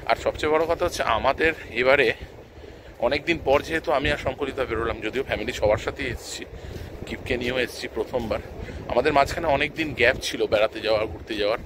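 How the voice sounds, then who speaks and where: A man's voice: mid-range voice, fast. A man giving casual, unscripted travel vlog narration outdoors, repeating and rephrasing as he explains, with wind on the mic. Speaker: travel vlogger. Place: open sea beach outdoors, in the wind. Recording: windy outdoor noise on mic. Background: wind and outdoor ambience.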